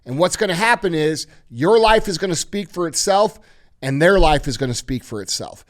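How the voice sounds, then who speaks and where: A man's voice: on the high side, expressive, normal speed, a bit bright. A man hosting a podcast, giving blunt, emphatic motivational advice with heavy swearing. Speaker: podcast host.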